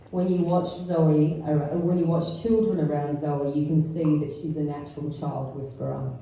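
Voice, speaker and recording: A middle-aged woman reading a mother of the bride speech, affectionately roasting with dry, deadpan humour. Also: low voice. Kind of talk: wedding speech read aloud, affectionate roast. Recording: echoey venue, far from mic, faint noise.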